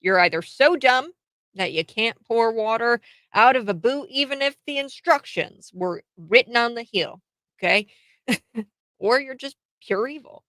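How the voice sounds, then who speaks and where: A woman's voice: a little high, expressive, unhurried, fairly bright tone, dry recording. A woman hosting a live radio talk show, giving opinionated commentary with exclamations and rhetorical questions. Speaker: radio morning show host.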